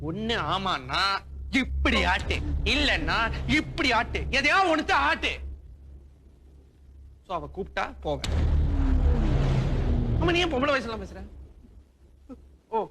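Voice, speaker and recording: A man's voice: very high voice, sing-song, unhurried, long pauses, noisy background, heavily acted. An actor playing a mocking, unhinged young male killer in a film scene, taunting in a sing-song way. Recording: film dialogue with loud music underneath.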